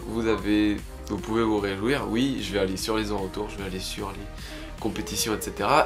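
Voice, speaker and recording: Guy in his 20s, casual vlog chat at home, bit of music in the background. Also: lowish voice. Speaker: YouTube vlogger. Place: indoor room at home.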